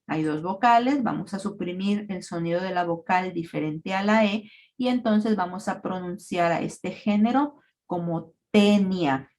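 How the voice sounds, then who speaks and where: A woman giving a recorded parasitology lecture, explaining terms in a measured way with frequent fillers. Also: medium pitch, a little mellow.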